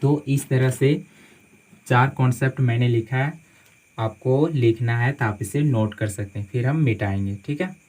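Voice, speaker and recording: A man's voice: medium pitch, normal speed, a little mellow, poor audio. A man teaching English spelling rules in a classroom-style lesson, spelling words out letter by letter and repeating each phrase with a "theek hai" check after most points.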